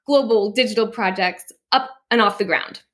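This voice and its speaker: A woman's voice: medium pitch, normal speed, fairly bright tone. A woman hosting a podcast, giving upbeat introductions and asking questions. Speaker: podcast host. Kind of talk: interview.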